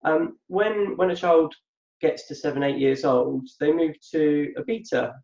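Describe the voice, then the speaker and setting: His voice runs on the high side with a darkish tone and a measured pace. He is an adult man who once had a business and now co-hosts a podcast, offering a reflective conversational explanation and repeating words as he thinks aloud, recorded in a muffled, echoey room.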